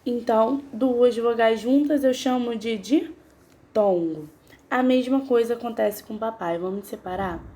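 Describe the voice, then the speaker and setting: A woman with a slightly high voice and a dark tone leads a grammar lesson. Patient throughout, she spells syllables out one at a time and quizzes her students.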